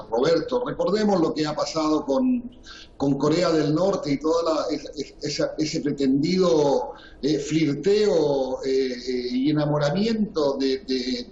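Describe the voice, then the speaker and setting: A man's voice: a little high, a little mellow, slight background noise. Male analyst in an echoey muffled room. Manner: halting, repeats words, addresses host by name. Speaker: guest analyst. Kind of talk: political commentary.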